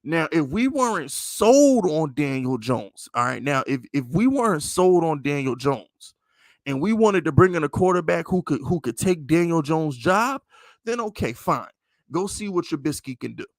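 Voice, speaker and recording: A man hosting a casual sports talk stream, talking in loose, repetitive bursts that climb higher and louder when he gets riled. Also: moderate pace, no echo. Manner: animated, repetitive, rising to near-shouting when riled. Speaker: sports podcast host.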